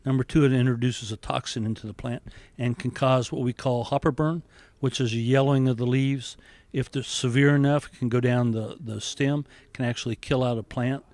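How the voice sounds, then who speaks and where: A university entomologist answers interview questions methodically and explanatorily in an indoor office with windows and plants, a handheld mic held toward him. His medium-pitched voice is a little fast and a little mellow, with fairly even intonation and no echo.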